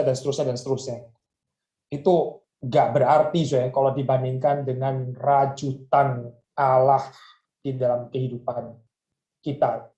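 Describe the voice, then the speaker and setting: A man's voice: mid-range voice, mellow, reverberant. A male pastor giving an evening devotional in a chatty manner, often adding 'ya' and slipping English words into his speech. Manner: conversational, frequent 'ya', mixes in English.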